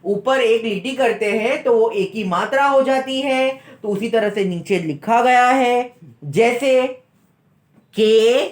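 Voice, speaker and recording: A man's voice: very high voice, fairly bright tone. A male school teacher giving a recorded lesson to young children, patiently repeating and spelling out letter sounds one at a time. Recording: roomy echo.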